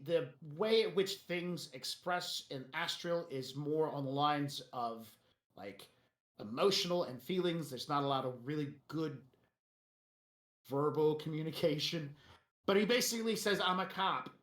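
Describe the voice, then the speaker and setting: A man's voice: fairly high pitch, a bit bright. A man working as game master, improvising narration for a tabletop game and chatting casually with players. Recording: roomy, echoey sound.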